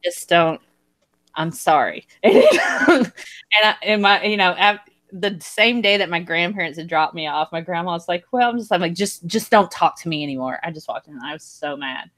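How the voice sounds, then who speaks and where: A woman's voice: on the low side, animated, moderate pace, fairly bright tone. A young woman on a video call, telling a personal story animatedly, laughing often and swearing when heated. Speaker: panel guest. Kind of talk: casual group video chat.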